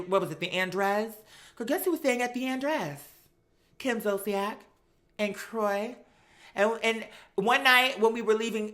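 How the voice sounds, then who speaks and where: Dishing out gossip and stories with sass, profanity, and plenty of drama, this woman hosts an online talk show. She has a bright, forceful, mid-range voice.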